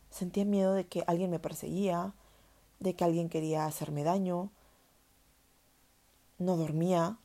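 In a personal storytelling monologue, a young woman with a lowish, dark voice shares her own story candidly and earnestly, repeating words for emphasis.

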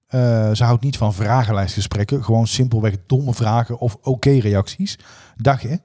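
A man's voice: mid-range voice, fairly even intonation, normal speed, dark tone. A man co-hosting a podcast, chatting casually in a dry, matter-of-fact, teasing way. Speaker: podcast co-host. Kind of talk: casual chat.

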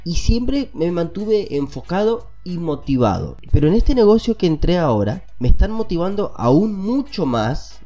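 A man's voice: fairly high pitch, mellow, muffled recording. A man with a Latin American Spanish accent and a stuffy, congested nose from a cold, hosting a podcast in a casual motivational monologue, speaking directly to listeners. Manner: conversational, addresses listeners directly. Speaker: podcast host.

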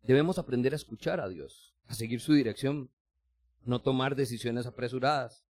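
A man's voice: medium pitch, moderate pace, darkish tone, no room sound, studio quality. A male preacher giving a sermon in a conversational way, speaking straight to his listeners and acting out small everyday scenes. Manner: addresses listeners directly and formally.

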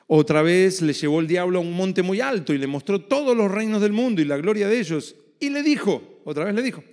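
A male pastor with a high-pitched voice preaches with emphasis, often putting rhetorical questions to his listeners. His words ring out with a long reverb, as if he were in a large hall. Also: animated, a little fast, darkish tone. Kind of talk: sermon.

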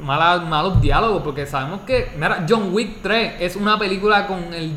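A young man, co-hosting a casual podcast, talking in animated, rambling bursts full of restarts. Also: sits high, moderate pace. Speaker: podcast co-host. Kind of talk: casual chat. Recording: echoey room with faint noise.

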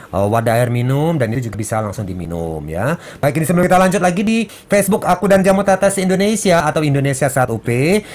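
Male radio host, mid-pitched, chatty and casual, checking for agreement, some background noise. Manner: chatty, frequently seeks agreement with 'ya'. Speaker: radio health show host. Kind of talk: casual talk-show hosting.

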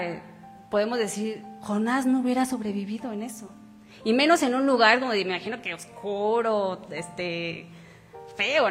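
A woman preacher giving a conversational sermon, reading scripture aloud and asking rhetorical questions. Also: on the high side. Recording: reverberant hall with faint music. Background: faint instrumental music.

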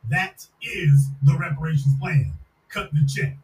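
A man's voice: a little high, a little slow, a little mellow. A man hosting a live-stream podcast, ranting emphatically and repeating slogans with a mocking edge. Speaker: podcast host. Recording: roomy sound from a distant mic.

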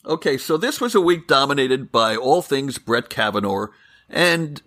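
A man hosting a casual political podcast, with a bright, forceful tone. He talks in an animated, ranting way, laughing between points. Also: mid-range voice, normal speed. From California. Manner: animated, ranting, chuckles often. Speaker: podcast host. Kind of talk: casual political debate chat.

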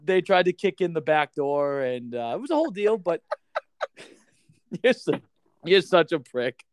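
A man's voice: fairly high pitch, sing-song, unhurried, dry recording, studio quality. A man co-hosting a casual podcast, swearing freely and acting out quotes as he tells stories. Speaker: podcast co-host.

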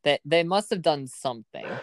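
A woman's voice: deep voice, sing-song, normal speed, no echo. A woman hosting a casual podcast, chatting about a film and filling her talk with "like". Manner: chatty, heavy use of "like". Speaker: podcast host. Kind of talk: casual film review chat.

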